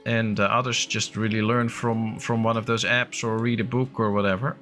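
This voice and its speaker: A man who is not a native English speaker plays a game on stream and chats casually with his viewers, answering them with lots of fillers. His voice is on the low side and fairly bright, with flat delivery at normal speed and faint music behind.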